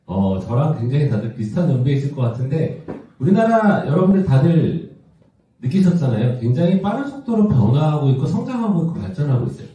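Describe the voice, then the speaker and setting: A South Korean company executive around fifty presents to an audience in a large indoor event hall, keeping it conversational and tossing rhetorical questions at the room. His voice is slightly high and warm, fairly quick, with big swings in pitch. The recording is muffled and echoey, taken far from the mic, with a little background noise.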